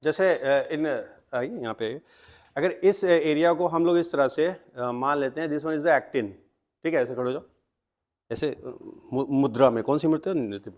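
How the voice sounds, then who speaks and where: High-voiced male teacher lecturing a class. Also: a little slow, darkish tone. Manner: asks the class questions and answers them himself; mixes Hindi with English terms. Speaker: biology teacher. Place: classroom with students.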